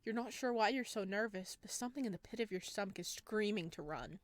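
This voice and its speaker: Reading a horror visual novel's second-person narration aloud, a woman tosses asides to her viewers as she plays. Her mid-range voice moves quickly, and the recording is dry.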